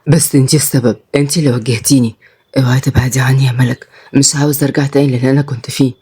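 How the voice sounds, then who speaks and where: A woman voicing a repentant former mafia boss, a young man speaking gently and earnestly in Egyptian Arabic. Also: extremely low pitch, steady tone, racing, breathy edge, pitched below the performer's own voice, exaggerated voice. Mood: tender.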